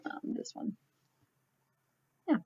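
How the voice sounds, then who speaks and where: A woman's voice: slow, dark tone, slight background noise. A young woman from Canada, chatting casually as a knitting vlogger in a rambling way, full of "like" and "um", recorded at home. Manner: rambling, filler-heavy, peppered with "like" and "um". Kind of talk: casual chat. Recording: slightly dull home recording.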